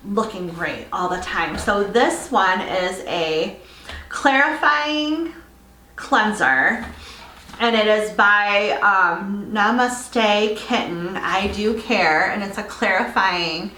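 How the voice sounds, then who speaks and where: Beauty vlogger, female, bright excitable delivery, echoey room. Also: mid-range voice, takes it slowly, slight background noise. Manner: gushing, excitable, lots of "ooh" and "so excited". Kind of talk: casual unboxing chat.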